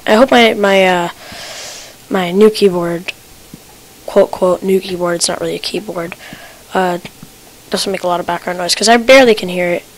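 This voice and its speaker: A gamer with a lowish voice rambles through casual commentary at her computer, talking to herself and stuttering and restarting as she goes. The audio is poor, with a little hiss or hum, and her desk computer mic picks up her keyboard clicks.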